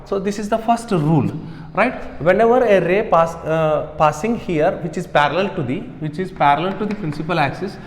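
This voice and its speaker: A man's voice: high-pitched, normal speed. A man with an Indian accent teaching a physics lesson, repeating key phrases and often putting questions that he answers himself. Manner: repeats phrases, asks and answers own questions, checks understanding. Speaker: science teacher. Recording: echoey, reverberant room.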